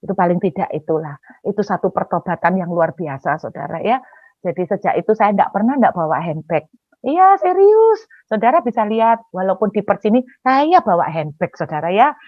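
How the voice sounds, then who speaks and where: A woman preacher tells a personal story from the pulpit. She is animated and keeps turning to the congregation. The recording sounds dull and dry. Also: fairly low pitch, brisk, dry recording. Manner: animated, often addresses the congregation as brothers and sisters. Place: church.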